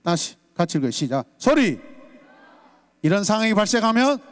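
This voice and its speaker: A man's voice: fairly high pitch, brisk, darkish tone, big-room sound. A man from South Korea preaching a Sunday sermon as pastor, emphatic and rousing, calling out lines for the congregation to repeat.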